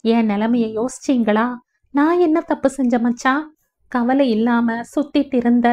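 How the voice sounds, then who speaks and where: A young village woman in an audio story, bitter and defiant, hurling sharp accusations, voiced by a woman reader. The voice sits high for a woman. The sound is dull and lo-fi. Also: lightly acted. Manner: sharp, accusing, rising in anger.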